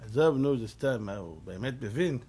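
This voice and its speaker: A man's voice: mid-range voice, expressive, dark tone, husky, pitched below the performer's own voice. A man voicing a scornful secular tractor driver, blunt and mocking, within a told story. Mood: doubtful.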